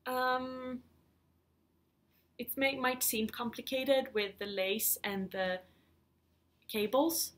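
Casual and slightly hesitant, a Swedish podcast host in her thirties chats about knitting indoors in her home living room. She has a Swedish accent and a voice that's a little high with a fairly bright tone.

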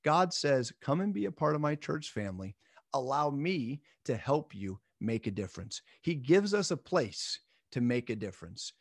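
A man's voice: medium pitch, very animated, moderate pace, creaky, dry recording, studio quality. A man in his thirties giving a recorded midweek Bible lesson from a small room at home, speaking earnestly and encouragingly and laughing off his own slips. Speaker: church minister.

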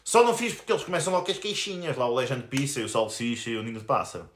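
A man's voice: medium pitch, sing-song, racing, slight background noise. A man in his twenties with a European Portuguese accent, ranting angrily and crudely on a live stream as a YouTuber. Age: 20s. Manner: angry, crude, confrontational. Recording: roomy echo.

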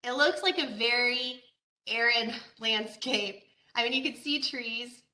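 A woman's voice: fairly high pitch, unhurried, sharp tone, reverberant. A woman from Georgia giving an online presentation as an agricultural educator, talking conversationally with fillers and rhetorical questions over a video call. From Georgia, USA.

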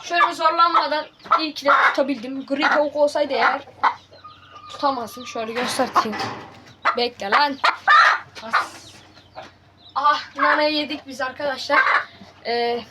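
A woman with a high, bright voice chats to her viewers while filming on a phone in a chicken coop. She talks to them like friends and bluntly shoos the birds that crowd her. Loud clucking and farmyard noise sit right under her voice. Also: normal speed, pauses often. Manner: chatty, addresses viewers as friends, scolds animals bluntly. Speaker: vlogger. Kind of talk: casual vlog chat.

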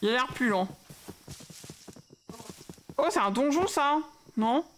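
A young woman talks excitedly through a game livestream, cooing at her pets and chatting with viewers. Her voice sits a little high. A faint hiss runs under the recording. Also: slow. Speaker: streamer. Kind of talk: casual Minecraft livestream commentary.

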